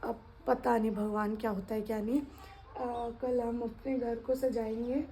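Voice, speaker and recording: A young woman chatting casually in her vlog, talking softly and slowly to spare a strained throat. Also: fairly high pitch, level tone. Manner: soft, slow talk to spare her voice. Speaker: vlogger. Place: home kitchen.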